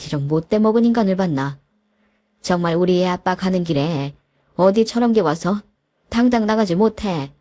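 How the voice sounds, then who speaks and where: A woman's voice: lowish voice, lively intonation, moderate pace, dark tone, no room sound, studio quality. A woman voicing a widowed older mother, scolding furiously. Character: fierce grieving widowed mother.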